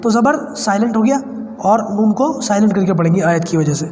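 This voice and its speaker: A man teaching Quran reading, patiently spelling words out syllable by syllable and reciting verses slowly in a chant. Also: high voice, expressive, a little mellow, in a large hall. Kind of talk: online Quran reading class.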